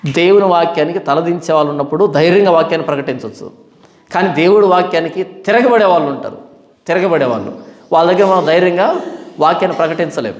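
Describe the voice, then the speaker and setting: Man preaching in an echoey hall. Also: a little high. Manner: rhetorical questions answered by himself; colloquial, scolding preaching. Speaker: pastor. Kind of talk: sermon.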